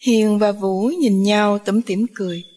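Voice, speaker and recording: A woman narrating an audiobook story in a steady, measured reading. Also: mid-range voice.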